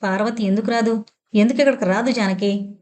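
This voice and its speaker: A woman's voice: mid-range voice, fairly even intonation, a little fast, darkish tone, natural voice. Brief: a frightened but determined father, urgent and insistent, as a woman narrator reads him in a horror audiobook. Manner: urgent, pressing questions.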